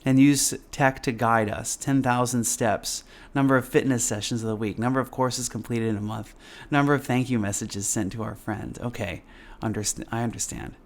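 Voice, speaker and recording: A man speaking as a meditation teacher in a casual live class, explaining informally with pauses and repeated phrases. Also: mid-range voice, steady tone.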